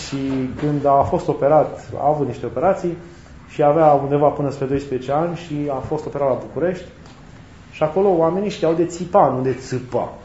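A man preaching a sermon in a reflective way, often repeating and rephrasing his points, with touches of gentle humor. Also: on the high side, a little hiss or hum. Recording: roomy, slightly dull recording with faint ambience.

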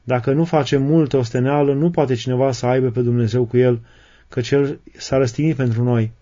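A man gives a sermon in a mellow, dark voice. He moves from reading to unhurried explanation, pausing and restarting as he goes. The recording sounds dull and lo-fi. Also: medium pitch, steady tone. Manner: reads a passage, then retells and explains it with fillers and restarts. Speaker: Orthodox preacher. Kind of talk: sermon reading and explaining desert fathers' sayings.

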